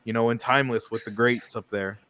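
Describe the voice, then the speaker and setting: Man, host, casual group chat, excitable, laughs often, mid-pitched voice. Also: brisk, no room sound. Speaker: host leading the tier list.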